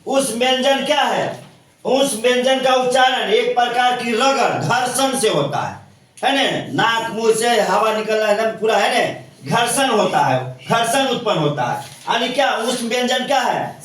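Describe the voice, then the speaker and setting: A man's voice: extremely high pitch, a bit bright. A male teacher giving a classroom grammar lesson, repeating points and asking questions constantly. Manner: repetitive, asks questions constantly. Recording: echoey room, voice from far off.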